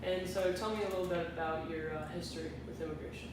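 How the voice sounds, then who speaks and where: A man conducts a casual interview, tossing in short prompting questions. He speaks in a flat, level tone and sits well away from the microphone, so his voice sounds distant. The room is very echoey with steady noise behind him. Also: on the high side, fast. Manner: brief prompting questions and backchannels. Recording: roomy echo from off-mic, noisy.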